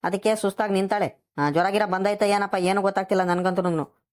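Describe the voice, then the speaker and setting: A woman's voice: medium pitch, steady tone, a little fast, lightly acted. A woman voicing a scolding old village grandfather. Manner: scolding, lecturing.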